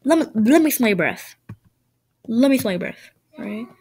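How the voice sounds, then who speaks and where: Strict, furious rich mom, played by a woman in a casual game role-play; she barks orders and scolds in a fairly high voice. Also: lively intonation, moderate pace, darkish tone, breathy edge. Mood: angry. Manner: scolding, bossy commands. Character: strict angry rich mother scolding her kids.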